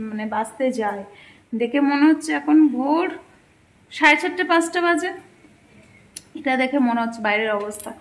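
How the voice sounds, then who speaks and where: Young female home vlogger, slightly high voice, easy casual delivery to viewers. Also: low-quality recording. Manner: chatty, addresses viewers directly; speaks very softly while her child sleeps. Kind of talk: casual home vlog narration. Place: small home kitchen and rooms.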